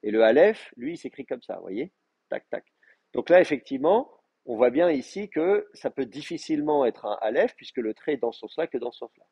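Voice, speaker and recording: A man's voice: mid-range voice, lively intonation, a little fast, hardly any pauses, husky, lo-fi sound. A man lecturing a Hebrew class, explaining patiently with many fillers and restarts. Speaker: Hebrew teacher. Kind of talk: university lecture.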